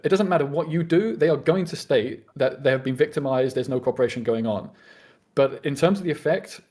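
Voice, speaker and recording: A man's voice: mid-range voice, darkish tone. A man with a British accent making an earnest debate argument, often restarting his sentences. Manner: fast and earnest, with frequent restarts.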